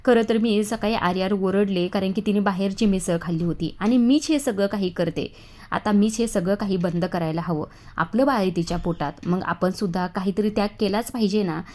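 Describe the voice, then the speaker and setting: A woman's voice: mid-range voice, brisk, darkish tone, close to an everyday voice. Earnest, self-sacrificing young wife, read by a woman narrator, sincere and explaining.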